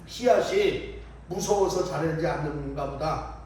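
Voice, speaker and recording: A man voicing a patient storybook frog that gives a friend gentle advice. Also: a little high, measured pace, a little hiss or hum, voice pushed down, close to an everyday voice. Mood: advising. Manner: gently advising. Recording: echoey church from a distant mic.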